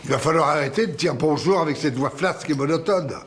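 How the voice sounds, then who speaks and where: A man playing a gruff old boxer. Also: fairly high pitch, fast talker, natural voice. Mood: commanding. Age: older. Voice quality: blunt, commanding, instructive. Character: gruff older male retiree, tough boxing mentor. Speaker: retired boxer coaching a young man. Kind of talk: film dialogue.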